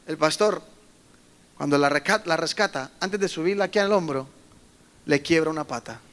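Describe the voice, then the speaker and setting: Speaking at a normal speed in a voice on the high side, a middle-aged Colombian man preaches to young people as their pastor. His sermon is full of lively storytelling, acted-out voices and emphatic outbursts.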